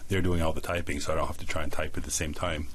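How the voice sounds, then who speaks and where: A man with an extremely low-pitched voice speaks at a quick clip. He sounds like a doctor in an interview, explaining things casually and plainly in conversational answers. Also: level tone. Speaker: emergency physician being interviewed.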